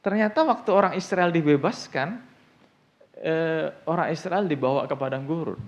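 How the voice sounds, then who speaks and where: A man preaching a sermon in an animated way, often asking the congregation rhetorical questions, with an Indonesian accent. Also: fairly high pitch, normal speed. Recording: dull lo-fi sound.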